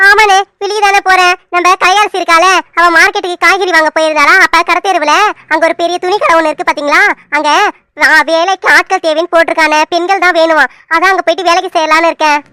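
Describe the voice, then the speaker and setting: A sensible young daughter in a cartoon, voiced by a woman, explains herself patiently and earnestly. Her voice is very high and bright, and the sound is close and dry. She talks quickly. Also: fairly even intonation, no echo.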